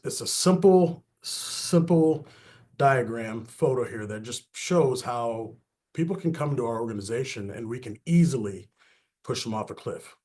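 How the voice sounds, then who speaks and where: A man's voice: mid-range voice, darkish tone. A man giving a webinar presentation on a video call, earnest and full of fillers and restarts. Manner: earnest, filler-heavy, restarts mid-phrase. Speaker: business consultant presenting a webinar.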